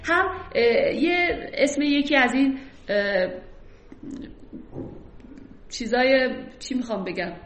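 A woman teaching a lesson on classical poetry. She recites the verses slowly and then explains them in casual everyday speech. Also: sits high. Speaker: literature teacher. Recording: roomy echo.

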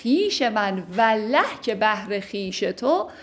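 A woman recites classical verse, then explains it line by line in lively, everyday speech. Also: mid-range voice. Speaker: teacher explaining classical poetry.

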